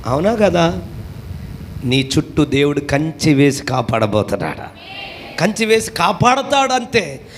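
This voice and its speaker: A man with a Telugu accent preaches a fervent revival sermon, his voice riding high and often breaking into shouted calls for the crowd to clap and say amen. A faint hum of the gathering sits behind him. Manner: shouts commands for amens and clapping, wide swings in pitch. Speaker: pastor. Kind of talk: call-and-response revival sermon. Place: church gathering.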